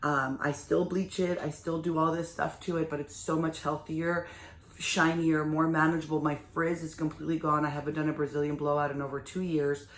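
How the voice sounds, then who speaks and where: A woman's voice: deep voice, flat delivery, a little fast. A woman hairdresser with a slight lisp, chatting to viewers through a hair care tutorial at her salon's shampoo bowl. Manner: chatty, addresses viewers as you guys. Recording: roomy echo, faint background noise.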